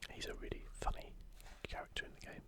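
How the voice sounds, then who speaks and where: A man producing gaming ASMR whispers at a quick pace in a soft, breathy, unvoiced way. Casual commentary alternates with passages he reads aloud.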